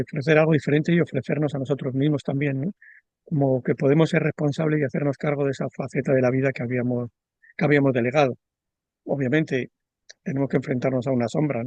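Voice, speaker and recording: A man talks through ideas in a calm, measured interview voice, often pausing to repeat himself and check in with a quick tag question. His voice sits in an ordinary middle range. The recording is dry and close, with almost no room sound. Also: medium pitch, no room sound. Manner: measured, repeats words and tags "¿no?". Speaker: astrologer. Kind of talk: reflective explanatory conversation.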